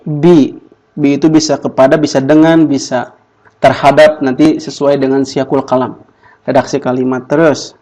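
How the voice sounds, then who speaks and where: A man's voice: medium pitch, level tone, moderate pace, mellow, low-quality recording. A young man, teaching a class, drilling students with repeated questions. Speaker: Quran Arabic teacher. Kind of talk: classroom lesson.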